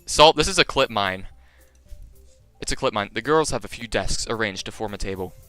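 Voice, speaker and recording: A man's voice: lowish voice, normal speed, smooth, soft background music. A young man reading a visual novel aloud on a live stream, joking with his chat between lines. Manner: animated, jokey, chatting to viewers between lines.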